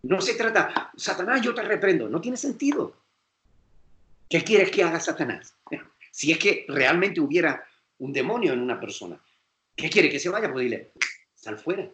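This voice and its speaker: A man's voice: on the high side, big pitch swings, moderate pace, pauses often, sharp tone, roomy sound. A male pastor with a Spain Spanish accent, preaching emphatically and acting out quoted voices. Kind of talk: sermon lecture.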